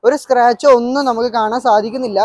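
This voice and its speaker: Young man, mix, quick delivery, car showcase host, question-and-repeat manner, dry lapel mic sound. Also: very high voice, fairly even intonation, dry recording. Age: young adult. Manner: mixes English words into Malayalam; asks questions and repeats answers back. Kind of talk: conversational used-car walkaround presentation. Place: open-air car lot. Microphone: clip-on lapel mic.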